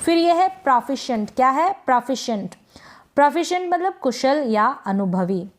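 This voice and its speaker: A woman's voice: high-pitched, animated. A woman teaching English pronunciation as a lesson, explaining rules and asking and answering her own questions. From India. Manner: slow, careful spelling-out of sounds.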